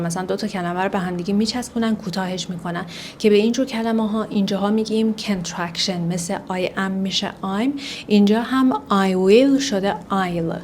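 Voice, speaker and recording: Iranian woman teaching, mid pitch, careful and patient. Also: darkish tone, slight background noise. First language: Persian. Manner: explains slowly, repeats phrases in English. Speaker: English teacher. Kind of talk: language lesson explaining phrases.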